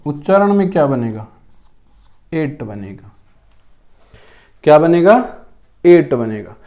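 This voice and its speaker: A man's voice: on the high side, big pitch swings, slow pace, mellow. A male English teacher with a sore throat, giving a spoken lesson to students and repeating each word several times. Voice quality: clears throat often.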